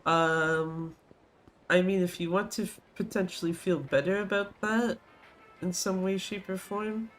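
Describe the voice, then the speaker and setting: Higher-voiced man doing casual game commentary. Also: a little slow, a bit bright, soft background music. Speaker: game streamer. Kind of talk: casual gameplay commentary, reading game dialogue aloud. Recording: clear background noise.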